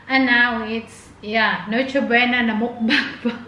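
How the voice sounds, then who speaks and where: A bright, high-pitched Filipino woman chats cheerfully through a home vlog, sliding between Tagalog and English. Her voice rings in an echoey room. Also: fairly even intonation, takes it slowly, muffled recording. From Philippines. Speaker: vlogger. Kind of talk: casual mukbang vlog chat.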